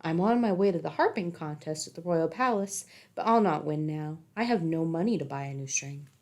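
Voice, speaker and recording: A kindly old harper with little to his name speaks low and soft, as a woman reading aloud puts him on. He is gentle and earnest, with a voice a touch deeper than the teller's own. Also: brisk, lightly acted. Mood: worried.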